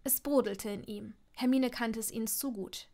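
A woman with a high voice reads a fan-fiction audiobook aloud. She keeps a calm, even storytelling tone. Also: moderate pace. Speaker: audiobook narrator. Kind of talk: scripted narration of fan fiction.

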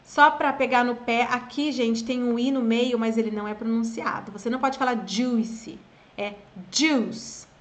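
A high-pitched woman with a Brazilian accent gives a relaxed online English lesson. She explains patiently and chats with her viewers, then drills pronunciation. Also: a little fast, few pauses. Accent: Brazilian Portuguese. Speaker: English teacher.

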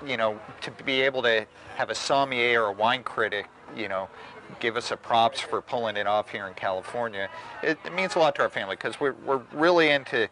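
A winery owner being interviewed, speaking in a relaxed and proud way with frequent fillers. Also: male voice, medium pitch, fairly quick, a little hiss or hum, low-quality recording. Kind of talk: casual interview. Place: outdoors at a winery.

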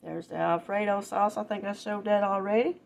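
Recorded on her phone in the kitchen, an older vlogger casually chats through her grocery haul, addressing everyone as y'all in a warm, homey manner. Her mid-range voice carries vocal fry and moves a little fast.

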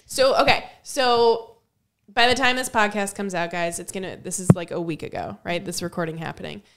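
A woman's voice: lowish voice, heavy background noise. Woman hosting a podcast, easygoing friendly chat, agrees a lot. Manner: friendly, agreeable, quick back-and-forth. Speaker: podcast host.

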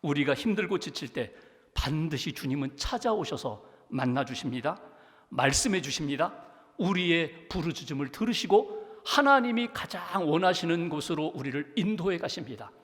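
A man's voice: a little high, lively intonation, normal speed, fairly bright tone. A male pastor preaching a sermon in a church, speaking emphatically and asking the congregation rhetorical questions. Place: church sanctuary. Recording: long church reverb.

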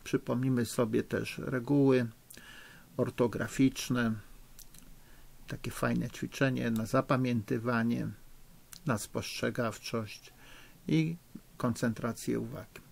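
A middle-aged man teaching children in a recorded lesson, slow, patient and encouraging, spelling out rules. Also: medium pitch, steady tone, gravelly, a little mellow. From Poland. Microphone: recording for a lesson video.

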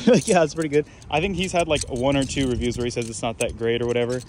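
Talking fast and animatedly in a mid-range, darkish voice, this young man vlogs about balisong flipping in a loose, filler-packed style, heavy on "like" and "you know what I'm saying." The camera mic picks him up mid-flip amid noisy traffic and jangling sounds.

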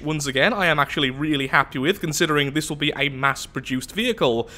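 A young man with a stuffed-up, nasal flu voice chats casually through let's play commentary of a space game, thinking aloud and poking fun at himself. His voice sits a little high and has a sharp tone.

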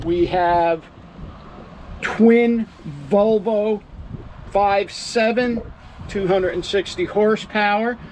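A man with a fairly high voice talks slowly and deliberately as he points out one feature after another, like a broker selling a boat. He is outdoors at a marina, and steady outdoor noise sits clearly behind him. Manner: upbeat salesman pitch, pointing out features. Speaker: yacht broker giving a boat tour. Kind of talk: walkthrough tour narration.

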